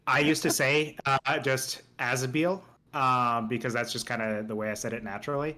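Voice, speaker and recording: Relaxed man hosting as game master. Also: mid-range voice, brisk. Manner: relaxed, rambling, with fillers. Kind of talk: casual chat opening a tabletop game.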